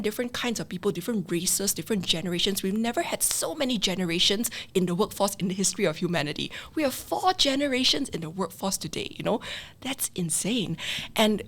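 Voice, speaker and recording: A woman with a Singaporean English accent, a leadership expert guest on a podcast, explaining with lively acted-out quotes. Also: mid-range voice. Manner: animated, acts out quoted people. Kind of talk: podcast interview.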